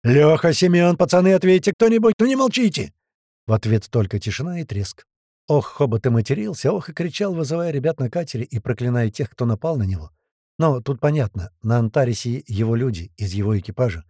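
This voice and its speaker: A man reading a first-person audiobook with tense, lively storytelling. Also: medium pitch, fairly quick, husky, no echo, studio quality. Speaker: audiobook narrator.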